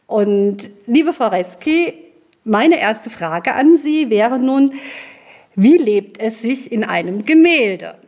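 A woman with a fairly high voice hosts an interview. She frames her questions at great length and speaks in a formal, cultivated manner. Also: lively intonation, slow, a little mellow. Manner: elaborate, long-winded questions, formal address.

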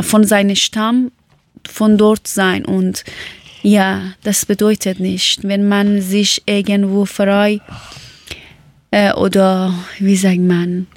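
A woman's voice: mid-range voice, dry recording. A woman from Iran hosting a casual talk, speaking hesitantly in a learned language and often searching for words.

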